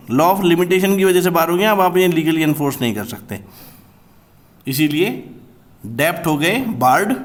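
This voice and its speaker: A man teaching a commerce law class, explaining step by step and slowly repeating key terms, with terms. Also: high voice, fairly bright tone.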